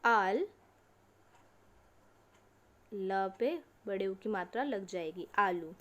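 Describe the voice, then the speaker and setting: A woman teacher giving an online lesson to young children. She reads words slowly, one at a time, and asks questions that she answers herself. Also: mid-range voice, fairly bright tone. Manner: slow, drawn-out word-by-word reading for children. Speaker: school teacher.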